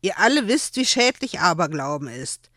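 A woman's voice: lowish voice, big pitch swings, normal speed, a bit bright, dry recording, clean studio sound. A woman voicing an earnest young man who speaks firmly and reasonably.

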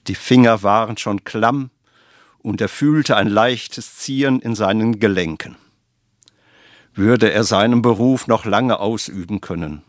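A man narrating a scripted story in a measured, dramatic way. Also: fairly low pitch, no echo, studio quality.

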